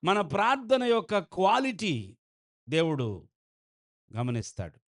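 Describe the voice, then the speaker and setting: Male pastor delivering a sermon, unhurried, emphatic, questioning the listeners. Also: high voice, huge pitch swings. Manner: slow, emphatic preaching, mixing in English phrases and asking the congregation questions. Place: church.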